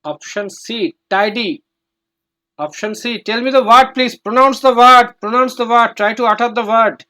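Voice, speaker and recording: A man's voice: very high-pitched, very slow, bright, forceful tone. A man teaching English to children in an online class, firm and repeating his prompts, heard over a video call.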